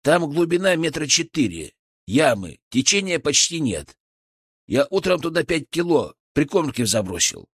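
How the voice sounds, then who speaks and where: A man voicing a young male fisherman who leads a boat trip, calling out over a motor or hushing the others. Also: a little high, very animated, moderate pace, husky, dry recording, studio quality, voice pushed up, heavily acted. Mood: shouting. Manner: shouting over a motor, then hushed whispers.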